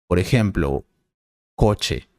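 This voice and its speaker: A man as a Spanish teacher, explaining clearly and patiently in a scripted lesson dialogue. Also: deep voice, expressive, extremely slow, a little mellow, dry recording, clean studio sound.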